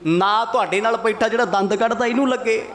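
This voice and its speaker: A man's voice: high voice, brisk, a bit bright. A man voicing a starving, desperate grown man who begs and complains to his master in a whiny, sulky way. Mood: desperate pleading. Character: starving desperate grown male companion, pleading.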